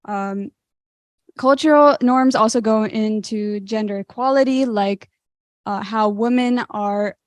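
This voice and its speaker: A woman's voice: medium pitch, a little mellow, no room sound. A teenage girl from Maryland presenting in a student group, talking loosely with many fillers. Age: teens.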